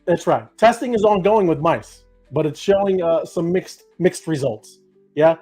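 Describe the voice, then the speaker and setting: High-ish husky guy chatting on a crypto stream, lots of uh and you know. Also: lively intonation, normal speed, dark tone, faint music behind. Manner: rambling, many fillers and restarts. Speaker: crypto show co-host. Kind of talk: casual livestream chat.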